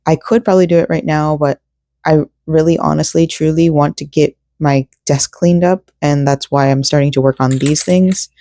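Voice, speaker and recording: A woman vlogger chatting casually with creaky vocal fry, groggy as if just woken up, in a rambling, informal way. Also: deep voice, fairly even intonation, normal speed, mellow, no echo, clean studio sound. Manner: rambling, self-deprecating, informal. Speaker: vlogger, crafter.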